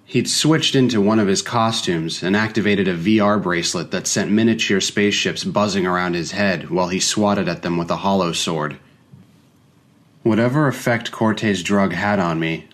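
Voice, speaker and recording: A man with a lowish voice reads a first-person story aloud as audiobook narration. His delivery is measured and reflective. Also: a bit bright.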